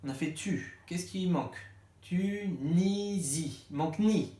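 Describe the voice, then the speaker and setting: In an echoey room, a man with a higher-leaning, dark-toned voice talks at normal speed. He's a primary school teacher patiently explaining a reading lesson to parents one step at a time, acting out questions to put to the child.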